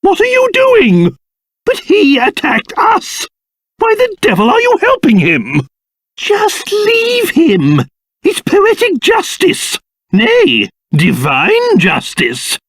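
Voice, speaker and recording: A man voicing a pompous, excitable old cursed king in a video game, with a British accent and old-fashioned, theatrical speech. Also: high voice, takes it slowly, dry recording, studio quality, full character voice. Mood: shocked, indignant. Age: older. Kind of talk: video game character voice acting.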